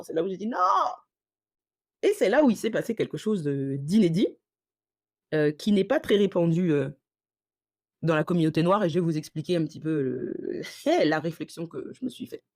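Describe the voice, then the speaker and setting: Woman podcaster, lively slangy storytelling, acts out the dialogue, dry close sound. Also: lowish voice, fairly quick, no echo. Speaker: podcast host.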